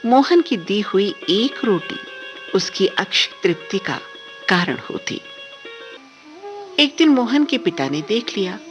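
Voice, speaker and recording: A woman reading a story aloud for a radio drama reading, measured and expressive. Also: mid-range voice. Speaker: story reader.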